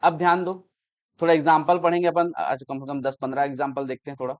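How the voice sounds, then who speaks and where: A man's voice: a little high, monotone, quick pace, dull audio. A man teaching a math class, explaining patiently, repeating each step and checking that students understand.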